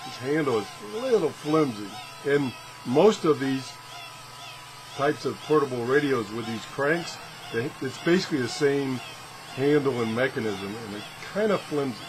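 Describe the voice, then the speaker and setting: A man with a mid-pitched voice hosts a gadget review video, casually demonstrating devices hands-on in his indoor home workshop at a moderate pace. He rambles in a folksy, self-deprecating way, and steady fan and room noise is clearly audible behind him.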